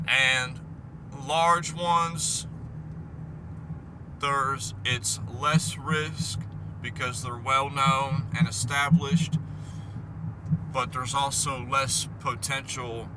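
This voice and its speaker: A man vlogging in a casual, rambling, playful way, halting as he goes, with a whistling S. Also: medium pitch, steady tone. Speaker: vlog host. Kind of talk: casual rambling solo talk. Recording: noisy, car noise behind voice.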